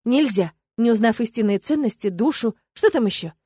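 A woman's voice: fairly high pitch, lively intonation, a little fast, dark tone, breathy edge, dry recording. A woman voicing a brusque male dragon in a man's form, giving short, stubborn replies in a dry recording. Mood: evasive.

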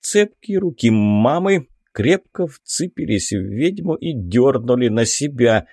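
A man reading a fantasy audiobook aloud in the first person, expressive and lively. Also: mid-range voice, takes it slowly, slightly rough, dry recording, studio quality. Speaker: audiobook narrator.

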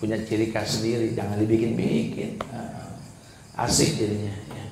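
A man's voice: fairly low pitch, level tone, moderate pace, vocal fry. A man preaching a conversational, humorous sermon, reciting verses and mimicking voices to make his points. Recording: echoey room with faint background noise.

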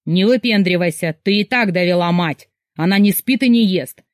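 A woman's voice: lowish voice, moderate pace, no echo, clean studio sound, close to an everyday voice. A woman voicing a harsh unforgiving father. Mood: severe. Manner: severe, threatening. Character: harsh stern father, older man, unforgiving.

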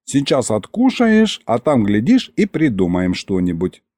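A man's voice: mid-range voice, wildly swooping pitch, a little slow, a little mellow, no echo, clean studio sound. A man voicing a cheeky old grandfather who talks in a folksy, teasing way in an audiobook. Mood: soothing. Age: older. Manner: folksy, wheedling, chuckling. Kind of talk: audiobook character voice.

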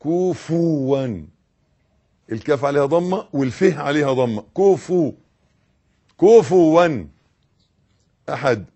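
Egyptian male preacher, slightly high voice, emphatic repetitions, loud-soft dynamics. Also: animated, fast talker, hardly any pauses. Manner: swings between loud emphatic bursts and soft hushed tones, repeating words. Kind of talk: sermon. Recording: audio recording.

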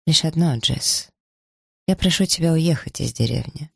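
A man reading aloud, putting on the voice of a quiet, resolute wronged wife who speaks evenly and firmly. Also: normal speed, gravelly, slightly rough, no echo, studio quality, exaggerated voice. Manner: low, even, firm.

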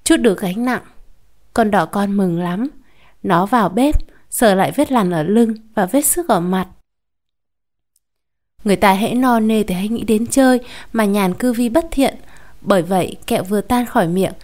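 A woman storyteller reading a short story aloud in a calm, even narration. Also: medium pitch, moderate pace, pauses often.

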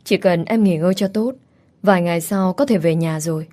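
A woman's voice: fairly low pitch, brisk, close to an everyday voice. Woman reading a doting young husband. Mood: caring. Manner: soft, caring, reassuring.

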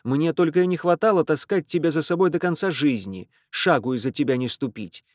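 A man's voice: fairly high pitch, brisk, no room sound, clean studio sound, pitched above the performer's own voice, lightly acted. A man reading aloud voices an irritable young man complaining about his pestering younger sister. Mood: exasperated. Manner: grumbling, exasperated. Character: irritable young man, exasperated older brother.

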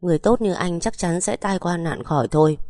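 A woman's voice: fairly low pitch, a little fast, warm tone, dry recording, clean studio sound. A woman narrating a romance story in the first person, reading the dialogue with emotion.

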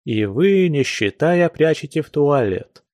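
A man's voice: on the high side, very animated, measured pace, a little mellow, dry recording, pitched above the performer's own voice. Man doing a fired-up young nobleman, urgent and preachy, dry close sound. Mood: fervent. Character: passionate earnest young nobleman, eager to argue. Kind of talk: audiobook reading of a classic novel.

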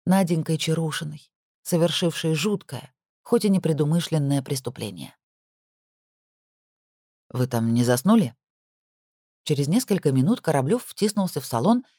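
An audiobook narrator reading a story with expressive, lively storytelling. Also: mid-range voice, fairly quick, no room sound, clean studio sound.

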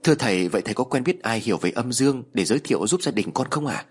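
A man's voice: medium pitch, expressive, slightly rough. A man voicing an outspoken older woman from the village who talks bluntly. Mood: brisk. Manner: blunt, quick.

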